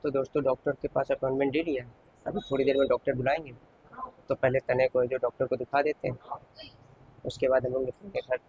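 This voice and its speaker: In a family vlog, a shopkeeper and father in his thirties chats casually to viewers as if they were friends. He talks fast with a flat delivery at medium pitch, and the recording is muffled with a little hiss or hum.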